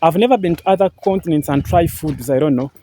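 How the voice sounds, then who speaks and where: Walking through green farmland, a young Ugandan man speaks to his vlog camera in Ugandan-accented English, fast and warm at a fairly high pitch, with slight background noise. Earnest and repetitive, he leans on fillers and keeps saying thank you to his viewers.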